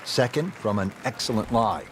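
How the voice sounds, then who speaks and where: A man's voice: lowish voice, lively intonation, moderate pace, a faint crowd, a little hiss or hum, close to an everyday voice. A man playing an upbeat TV golf announcer, giving play-by-play commentary for a video game. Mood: upbeat, measured.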